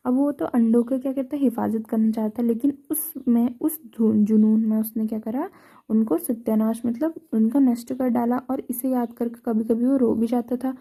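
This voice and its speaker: A woman teacher with a Hindi accent goes through a textbook chapter line by line. Her voice sits a little high but is very dark and mellow. She pauses, restarts and checks in with the class as she explains. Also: steady tone. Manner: retells each line then explains it, many restarts and "ठीक है". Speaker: school teacher.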